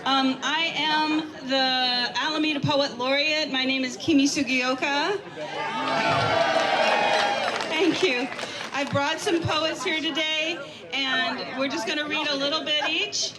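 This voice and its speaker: A woman's voice: sits high, steady tone, slow pace, very noisy. A woman speaking from a rally stage, introducing the next speakers. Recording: live event with loud crowd behind.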